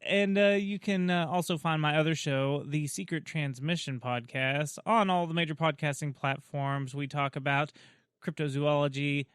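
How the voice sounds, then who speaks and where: Casual male co-host, high and bright, self-deprecating, laughs a lot. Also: clean tone, no room sound, studio quality. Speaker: podcast co-host. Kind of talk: casual chat.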